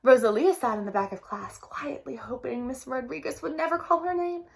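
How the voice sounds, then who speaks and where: A woman teacher reading a children's story aloud expressively, pausing to ask listeners questions. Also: high voice, creaky.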